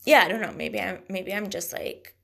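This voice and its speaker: A woman's voice: mid-range voice, normal speed, vocal fry, sharp tone. A young woman hosting a casual solo podcast, rambling and hesitant, with lots of fillers. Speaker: podcast host.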